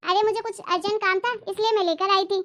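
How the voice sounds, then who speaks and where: A woman's voice: very high-pitched, fairly even intonation, fast talker, a bit bright. A woman voicing a younger sister in a family drama skit, brushing off demands with defensive excuses. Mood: evasive. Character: evasive younger sister dodging her debt.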